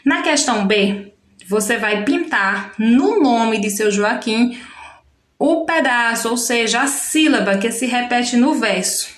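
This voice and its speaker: A woman teaching a children's workbook lesson with Brazilian Portuguese speech, patiently slowing down to spell out syllables. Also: on the high side, expressive. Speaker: primary school teacher. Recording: echoey room.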